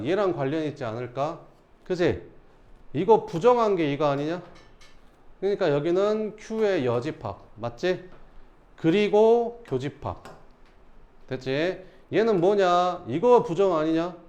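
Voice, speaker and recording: A male math teacher giving a casual classroom lecture, often pausing to check that students follow. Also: on the high side, darkish tone, highs cut off.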